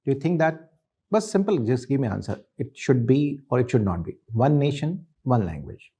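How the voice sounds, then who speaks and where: A man's voice: mid-range voice, sing-song, normal speed, dark tone, husky. A man with an Indian accent putting insistent, probing questions as an interview panellist.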